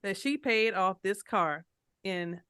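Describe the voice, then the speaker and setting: A woman hosting a casual interview podcast, talking in an animated, playful way and addressing listeners directly. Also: medium pitch, slow, slight background noise. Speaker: podcast host and financial coach.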